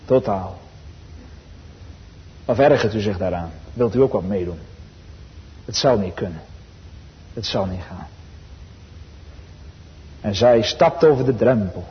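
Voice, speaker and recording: A man preaching a sermon to his congregation, earnest and emphatic, slowing for quotations and rising in fervor. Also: lowish voice. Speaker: pastor. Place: church. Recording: dull sound with long church reverb.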